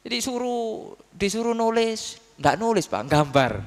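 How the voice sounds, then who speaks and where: Male preacher, slightly high voice, animated storyteller who addresses listeners directly; long reverb of a big hall. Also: unhurried, vocal fry. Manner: lively storytelling with acted quotes and laughs; addresses the audience as Pak. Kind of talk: religious study talk.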